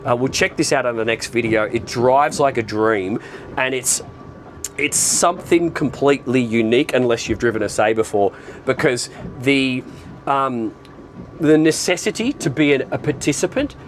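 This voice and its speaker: A man giving a casual, upbeat guided tour, chatty and pointing out features as he goes, outdoors on a boat in an open bay, now and then clearing his throat. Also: mid-range voice, a little hiss or hum. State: occasional throat clearing after a recent flu. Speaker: boat reviewer presenting a walkthrough.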